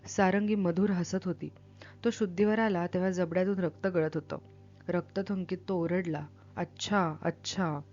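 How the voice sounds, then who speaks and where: A woman reading a novel aloud with expressive, dramatic delivery, then explaining it as a literature teacher. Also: lowish voice, dull audio.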